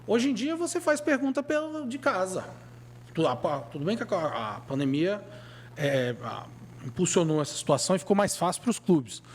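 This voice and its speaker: A Brazilian man co-hosting a casual sports podcast, talking with emphatic, colloquial energy. His voice sits a little high and swings widely in pitch as he makes his points. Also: very animated, moderate pace, slight background noise. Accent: Brazilian Portuguese. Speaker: podcast co-host.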